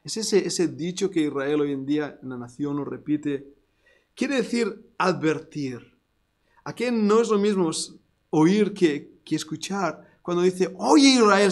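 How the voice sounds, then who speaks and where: High-voiced Spanish preacher, emphatic. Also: male voice. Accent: Spain Spanish. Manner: animated preaching, bursts into loud emphatic lines, jokey asides to the congregation. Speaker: pastor. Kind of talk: sermon. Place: church service before a congregation.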